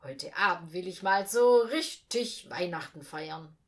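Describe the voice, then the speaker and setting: A woman reading a storybook aloud, voicing a kind, secretive older man with a lowered, gruff voice. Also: very animated, measured pace. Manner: mysterious, gruff and hearty.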